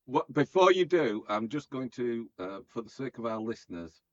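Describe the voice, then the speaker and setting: A man's voice: medium pitch, very animated, normal speed, no echo. A man co-hosting a casual podcast chat about films, rambling and joking. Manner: joking, rambling, laughs often. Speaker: podcast co-host. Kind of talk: casual film review chat. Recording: dull lo-fi mic.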